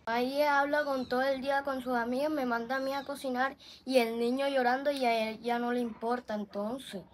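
A woman's voice: high-pitched, fairly even intonation, normal speed, a little hiss or hum, close to an everyday voice. A woman playing an upset daughter complaining about the nanny in an amateur skit. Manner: complaining, aggrieved. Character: upset daughter left with her baby brother.

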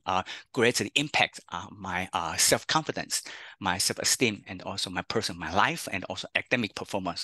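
Presenting an online career workshop over a video call, a middle-aged counselor from Taiwan speaks with a Taiwanese accent; Chinese is his native language. His lowish voice is pushed and bright with no room sound, and his chatty style keeps adding "okay, huh?"

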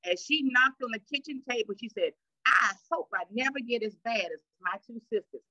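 A woman's voice: fairly high pitch, fairly quick, pushed and bright, dry recording. Woman pastor, sermon, scripture reading, stretched words, dull dry sound. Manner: call-and-response preaching, stretches words for emphasis. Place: church sanctuary.

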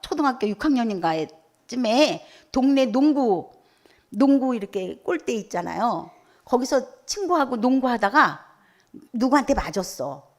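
A woman preaching a sermon at a church service, firing questions at the congregation and breaking out with hallelujahs. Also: medium pitch. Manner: asks the congregation questions and waits for replies; bursts out with hallelujah.

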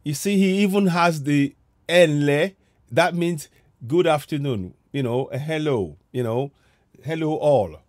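A middle-aged Yoruba man from Nigeria hosts his own online show from a home room, earnestly reflecting on a video he has played and repeating phrases for emphasis. Speaking through a headset mic, his voice is a little high, a little slow, and darkish. The sound is dry and of studio quality.

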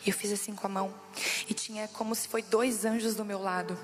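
A Brazilian woman preacher delivers an emotional sermon testimony in a steady, brisk, mid-range voice, repeating phrases for emphasis. The recording carries a long reverb and faint background music.

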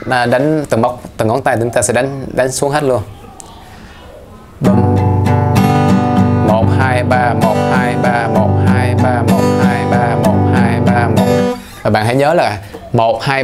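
A man teaching guitar in a casual, playful way, counting the beats aloud as he explains. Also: mid-range voice. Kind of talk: casual instructional talk. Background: guitar playing.

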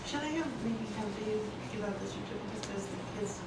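A woman presenting art awards at a public meeting, reading out names slowly with pauses. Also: medium pitch, gravelly. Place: large indoor board meeting room. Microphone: far room camera. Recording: echoey hall, distant camera, room noise.

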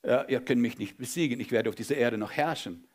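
A preacher voicing a defiant demon who calls himself Lucifer, with scornful, dismissive denials. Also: male voice, medium pitch, a little fast, a little mellow, voice pushed down, close to an everyday voice.

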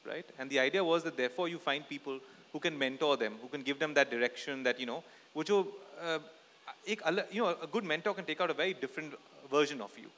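A man's voice: on the high side, fast talker, a bit bright. A man in his forties with an Indian accent, answering at a press conference in English mixed with Hindi phrases. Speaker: TV channel executive on a press panel. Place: indoor stage at a press event. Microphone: handheld microphone. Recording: echoey hall over PA.

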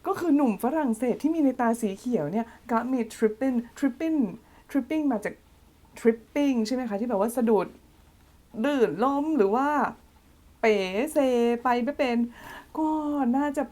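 Slow giggly woman teacher. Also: sits high, mellow. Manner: giggly, playfully flustered, slow and explanatory. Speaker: English teacher. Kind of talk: casual song translation lesson.

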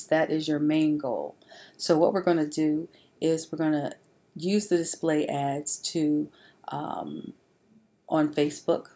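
Low-voiced woman narrating slides. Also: mellow. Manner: informal, with frequent fillers and restarts. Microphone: voice-over on slides.

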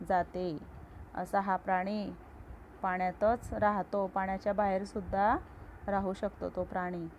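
A woman's voice: medium pitch, darkish tone. A woman teacher explaining a children's poem, asking the class questions and answering them herself. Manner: slow, patient, asks questions then answers them. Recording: slightly dull lo-fi recording with faint noise.

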